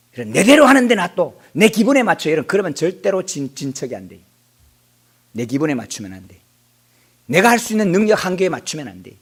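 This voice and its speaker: Man, pastor, middle-aged, church sermon, fairly high voice, very lively pitch, quiet asides and loud outbursts. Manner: animated preaching, dropping to quiet asides then shouting out. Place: church sanctuary.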